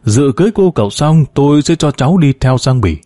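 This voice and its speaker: A man voicing a calm older man. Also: fairly high pitch, fairly quick, no room sound, lightly acted. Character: older man, calm, hopeful head of family.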